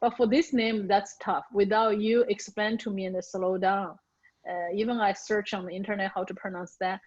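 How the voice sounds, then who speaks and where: A woman's voice: mid-range voice, steady tone, moderate pace, a little mellow, lo-fi sound. A woman who learned English as a second language, an author carefully practicing the pronunciation of hard words with her coach. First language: not English. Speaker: author learning audiobook narration. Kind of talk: recorded coaching session.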